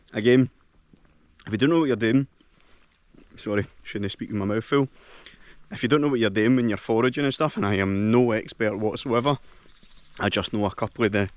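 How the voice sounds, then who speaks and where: In a dry recording, a lowish-voiced man from Scotland vlogs his travels around a lodge and loch. He chats casually and with plenty of enthusiasm in a Scottish accent, heavy on local slang.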